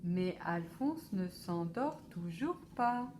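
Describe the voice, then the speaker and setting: Slow, expressive woman reading storybook. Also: lowish voice, background noise. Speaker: library storyteller. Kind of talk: children's book read aloud.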